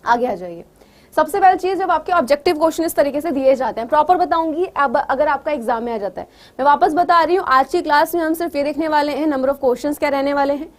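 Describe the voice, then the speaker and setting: A woman's voice: sits high, fast talker. A woman teacher explaining exam preparation to students, coaxing and often asking if they follow, mixing in English words. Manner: coaxing, repeatedly checks students understand.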